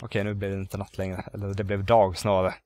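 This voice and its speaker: A let's play gamer with a low voice chats casually through his gameplay, thinking aloud and counting under his breath while he builds. There's slight background noise. Every so often he bursts into loud, excited exclamations.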